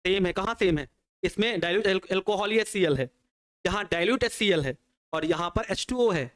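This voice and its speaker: A man with a fairly high voice teaches an online exam-prep chemistry lecture. He talks through each reaction step by step. He often poses a question and answers it on the students' behalf. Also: brisk, a bit bright. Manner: explains step by step at a working pace.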